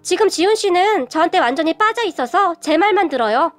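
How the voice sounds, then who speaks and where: A woman's voice: very high-pitched, expressive, fairly quick, soft background music, voice pushed up. A woman voicing a brazen, scheming young woman who talks back defiantly in a radio story.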